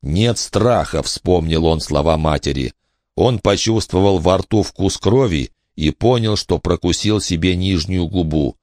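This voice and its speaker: A man's voice: low-pitched, a little slow, a little mellow, dry recording, clean studio sound. A man reading a horror audiobook as narrator, telling the story expressively.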